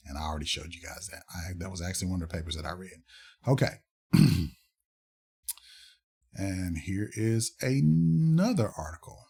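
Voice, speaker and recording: A man giving casual commentary on fact-check articles, reading passages aloud and pausing often with fillers and restarts. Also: on the low side, a little mellow, husky. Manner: halting, many fillers and restarts, reads aloud then comments.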